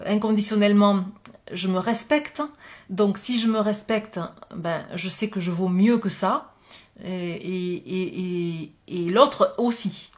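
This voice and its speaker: A woman giving a spiritual love card reading, with a gentle, reassuring manner, thinking aloud as she goes. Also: mid-range voice. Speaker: oracle card reader.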